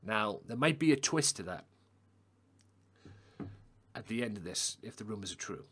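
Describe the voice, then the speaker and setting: A young man doing excitable, swearing live-stream commentary over a game, talking straight to his chat viewers. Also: on the low side, moderate pace, slight background noise.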